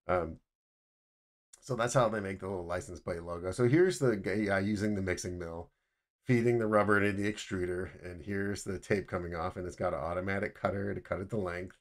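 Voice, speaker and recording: A middle-aged man casually narrating factory slides as a footwear design instructor, explaining with frequent restarts. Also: sits low. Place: indoors, webcam over slides.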